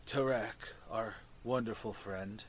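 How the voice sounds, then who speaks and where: A man voicing a gentle, grateful mushroom creature leader in a tabletop game, speaking softly and courteously with a hushed, muffled, solemn delivery. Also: on the low side, takes it slowly, a little hiss or hum, pitched below the performer's own voice. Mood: kindly, solemn.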